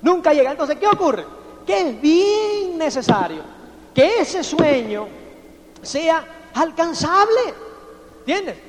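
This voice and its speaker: A man's voice: extremely high pitch, big pitch swings, takes it slowly. A man giving a motivational seminar talk, constantly checking that listeners follow him. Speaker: motivational speaker. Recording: long hall reverb.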